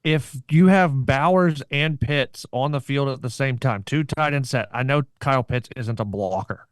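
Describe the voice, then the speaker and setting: A man's voice: medium pitch, normal speed, dry recording. A man co-hosting a casual sports talk show, pressing his point by repeating it.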